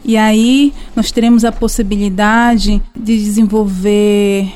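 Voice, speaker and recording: A woman's voice: mid-range voice, flat delivery, slow, a little mellow. A woman teacher giving an earnest, instructive statement for a report. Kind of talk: interview statement.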